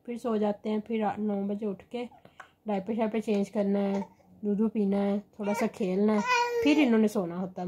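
A young mother vlogging at home, coaxing her babies in soft baby talk and calmly explaining their routine. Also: medium pitch, noisy background. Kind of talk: casual home vlog. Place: at home, indoors and in a sunny yard.

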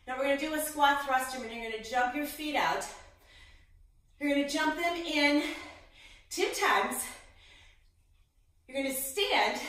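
A woman's voice: high-pitched, a bit bright, heavy reverb, recorded from a distance. A woman fitness instructor cueing moves and counting reps while she works out, out of breath. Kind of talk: workout instruction.

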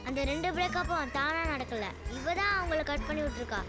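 A wry young man, played by a film, lays out his complaints one by one in a high, light voice. Music runs behind him. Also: a little fast.

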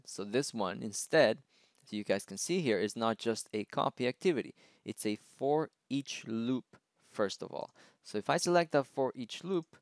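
Clear-voiced man explaining a tech screencast. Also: medium pitch, no room sound. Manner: explanatory, frequent "right?" and "okay?" checks. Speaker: tech presenter. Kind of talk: screencast tutorial.

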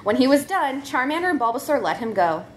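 A woman performs a comic story reading for her comedy troupe, giggling and breaking up repeatedly. She's a fast talker with a high-pitched, sing-song voice, and slight background noise is present.

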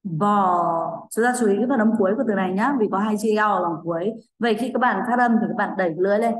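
A Vietnamese woman teaching an English review lesson to young children. She speaks with a Vietnamese accent, cheerfully encourages the children and slowly draws out model phrases for them to repeat. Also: medium pitch. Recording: echoey room.

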